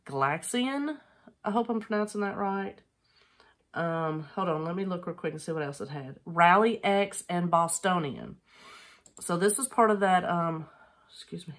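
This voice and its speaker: A middle-aged woman chatting casually at home on a camera mic, rambling with lots of filler ums as she shows items she has sold. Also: fairly low pitch. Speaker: online reseller vlogger.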